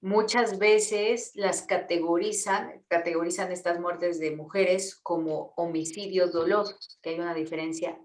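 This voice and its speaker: A woman with a Mexican accent, an activist earnestly explaining things to students, often pausing with fillers and repeated words. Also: fairly low pitch, fairly even intonation, roomy sound. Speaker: guest speaker, feminist activist.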